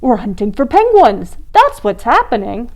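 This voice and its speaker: A woman voicing rough, tough hunters in a storybook, with a gruff, growling manner. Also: on the high side, huge pitch swings, normal speed, a little mellow, full character voice. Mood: gruff menace.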